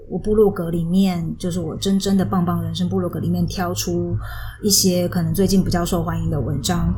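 Chatty Taiwanese woman, husky voice. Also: on the low side. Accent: Taiwanese Mandarin. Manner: chatty, storytelling with frequent fillers. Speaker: podcast host. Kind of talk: casual solo podcast chat. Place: small rented room at home. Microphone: professional microphone.

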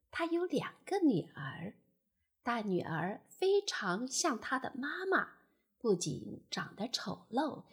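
Gentle lady storyteller, bedtime story, sing-song and a bit high. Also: husky.

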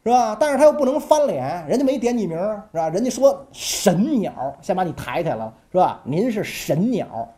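A woman's voice: mid-range voice, big pitch swings, brisk, few pauses, dark tone. A woman telling history stories in a chatty, colloquial way, often asking the listener for agreement. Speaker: storyteller. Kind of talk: casual history storytelling.

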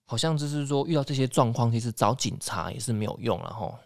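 A man's voice: mid-range voice, lively intonation, fast talker, vocal fry, no room sound, clean studio sound. A man from Taiwan hosting a podcast, joking easily and chiming in with short replies. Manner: easygoing, jokey, fills in with short replies. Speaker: podcast host. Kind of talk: casual podcast chat.

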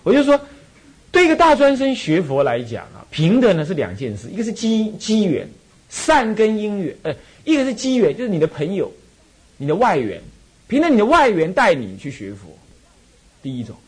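A man's voice: sits high, wildly swooping pitch, moderate pace, darkish tone, breathy edge. A Buddhist monk and temple abbot with a Taiwanese Mandarin accent, giving a dharma talk full of personal stories, repeating phrases and chuckling as he tells them.

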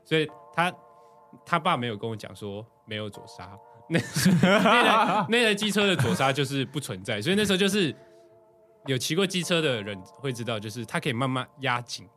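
Young man, taiwanese mandarin accent, animated storyteller, faint music behind. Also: mid-range voice, fairly quick. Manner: animated, laughs often, acts out quotes. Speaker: podcast co-host. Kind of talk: casual storytelling chat.

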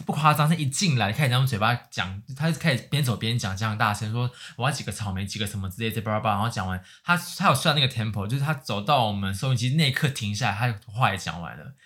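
Rapid-talking man. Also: fairly low pitch. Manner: animated, restless storytelling with repeated restarts. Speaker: podcast co-host. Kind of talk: casual chat, storytelling.

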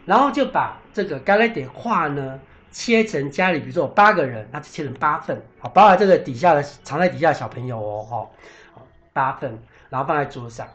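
A man's voice: on the high side, animated, fairly quick, fairly bright tone. A man hosting a casual podcast, talking in a chatty, explanatory way with many fillers and restarts, sometimes spelling out foreign words. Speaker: podcast host.

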